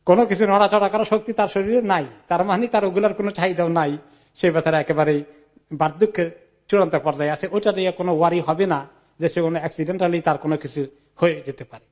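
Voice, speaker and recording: A man's voice: high voice, fairly even intonation, fast. A man giving a Quran commentary lecture. He recites Arabic narration, explains it in Bengali with English words mixed in, and retells the story in the first person. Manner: mixes English words into his talk.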